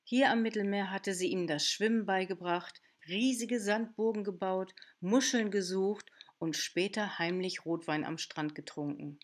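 A woman narrating an audiobook in an even, measured reading. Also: mid-range voice. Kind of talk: scripted narration.

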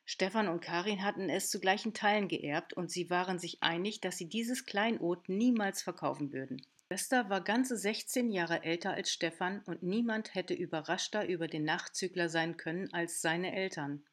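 A woman narrating an audiobook in an even, measured reading. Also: on the low side. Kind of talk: scripted narration.

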